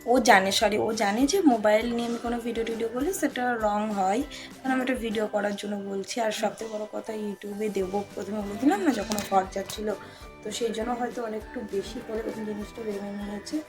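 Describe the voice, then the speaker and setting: A woman with a Bengali accent vlogging in a casual, chatty way, loud and animated, sometimes dropping to a hushed aside. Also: medium pitch, fairly quick, over music. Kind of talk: casual vlog chat.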